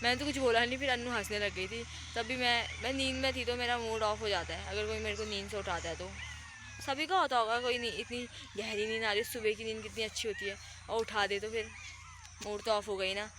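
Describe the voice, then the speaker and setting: A woman's voice: fairly high pitch, brisk. A young woman from India, rambling on about her day as a casual vlogger. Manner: chatty, rambling storytelling. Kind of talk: casual vlog narration. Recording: noisy outdoor phone audio.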